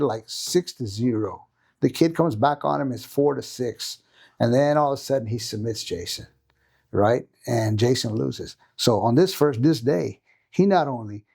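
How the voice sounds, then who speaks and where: Telling a lengthy story on a podcast he's guesting on, this middle-aged jiu-jitsu coach rambles and keeps ending lines with tag questions. His medium-pitched voice is warm with a creaky edge.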